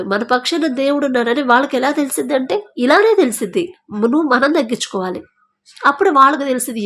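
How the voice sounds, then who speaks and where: A woman giving a personal faith testimony, telling her story with feeling and acting out what others said. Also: high-pitched. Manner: emotional storytelling, acting out quoted speech. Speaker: testimony giver.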